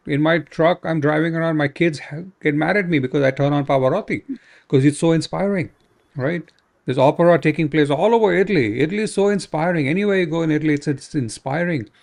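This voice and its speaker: A man with a gravelly, fry-heavy voice pitched a touch high preaches with fervor. He urges listeners on and keeps checking in with "right?" as he ministers. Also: darkish tone. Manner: fervent, exhorting, repeats "right?". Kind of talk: prayer ministry talk.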